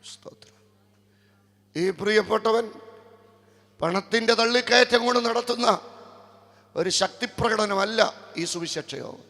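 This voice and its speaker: Kerala pastor, high gravelly voice, quick chatty stories that turn to slow forceful preaching. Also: male voice. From Kerala, India. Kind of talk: evangelistic sermon. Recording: long hall reverb.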